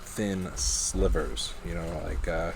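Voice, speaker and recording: A man giving a casual hands-on review, talking in a measured, hesitant way as he thinks aloud. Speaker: pipe tobacco reviewer. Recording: clear steady background noise, vehicle-like rumble.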